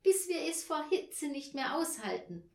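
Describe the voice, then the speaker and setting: A woman voicing an eager, excitable boy who shouts with enthusiasm, in a read-aloud story. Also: medium pitch, moderate pace, echoey room, recorded from a distance, lightly acted.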